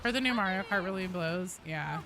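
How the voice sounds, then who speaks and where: Her voice is fairly low and brisk, set against a noisy background. A game streamer, she gives casual live commentary as she plays, chatting with viewers in a blunt, sweary way full of dramatic emphasis, with game audio in the mix.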